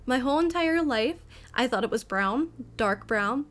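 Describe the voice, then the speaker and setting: A young woman with a fairly high-pitched voice chats casually as she narrates a game build. She sounds over-caffeinated and excitable, rambling from thought to thought and giggling often between phrases. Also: normal speed. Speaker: gaming video creator. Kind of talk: chatty casual build commentary.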